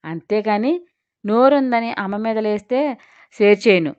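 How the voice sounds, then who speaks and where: A woman's voice: medium pitch, normal speed, clear, resonant tone, highs cut off, natural voice. A woman voicing a stern, protective elder brother who lectures firmly. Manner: firm, lecturing.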